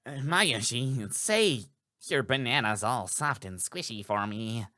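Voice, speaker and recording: A man voicing a nerdy, sleazy young man in a slow, drawling, creepy tone. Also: medium pitch, expressive, bright, forceful tone, voice pushed down. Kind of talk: reading a visual novel aloud in character.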